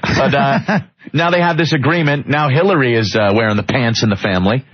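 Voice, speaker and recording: A man's voice: medium pitch, a little fast, breathy edge. A man hosting a radio show, chatting casually and laughing as he reads tabloid stories aloud. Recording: dull lo-fi radio broadcast.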